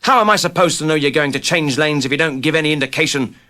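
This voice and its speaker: A man's voice: a little high, fast, sharp tone. A man reading the part of an irritable, sarcastic male driver after a car crash, accusing in tone. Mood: irritated. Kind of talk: scripted exam dialogue.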